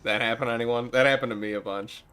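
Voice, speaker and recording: Speaking fast and fairly evenly, a young man with a Midwestern American accent chats casually about a game he's streaming, sounding nostalgic and occasionally swearing and laughing. His medium-pitched voice is clean and a bit bright.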